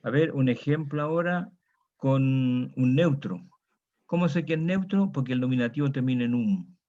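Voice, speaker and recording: A man teaches a Latin grammar lesson in a patient, steady way, walking students through each case and checking they follow. His voice sits at a middling pitch. The recording sounds dull and lo-fi. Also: moderate pace. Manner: patient, drills students on declensions, frequent "¿ah?".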